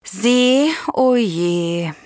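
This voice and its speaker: A woman voicing a young, curious female giraffe in a children's story, sounding eager and gentle. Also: a little high, sing-song, a little slow, dry recording, studio quality, pitched above the performer's own voice, heavily acted.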